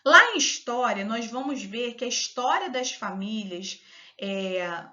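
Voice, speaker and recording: A Brazilian woman teacher giving a recorded lesson to young children, patiently spelling out syllables slowly and clearly. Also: fairly high pitch, expressive, bright, forceful tone. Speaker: primary school teacher. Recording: dull lo-fi audio.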